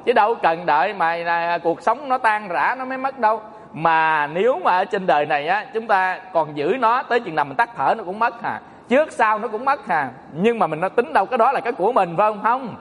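A man's voice: high-pitched, lively intonation, brisk, fairly bright tone. A man, a Buddhist monk giving a folksy, joking sermon to an audience. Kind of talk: Dharma talk sermon. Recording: echoey hall reverb.

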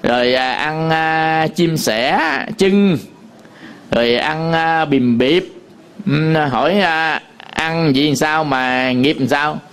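A man's voice: fairly high pitch, takes it slowly, fairly bright tone, smooth. A man with a Southern Vietnamese accent, a Buddhist monk giving a dharma talk to an audience, telling stories with many fillers and repetitions.

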